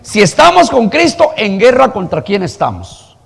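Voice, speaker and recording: A man's voice: high-pitched, huge pitch swings, moderate pace, vocal fry, slightly rough, long reverb tail. A man preaching a sermon as pastor, asking the congregation rhetorical questions and telling a story. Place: church hall.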